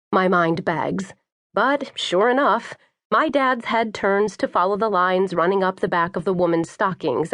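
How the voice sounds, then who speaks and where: A woman narrates a first-person audiobook with a wry, brisk delivery. Her voice sits at an ordinary middle pitch. The sound is dry and close, with no room around it. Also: no echo.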